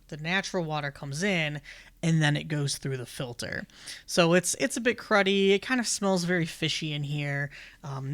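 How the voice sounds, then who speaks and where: A man's voice: on the high side, a bit bright. Rambling man as game master. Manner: rambling, many ums and likes. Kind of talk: narrating a tabletop game.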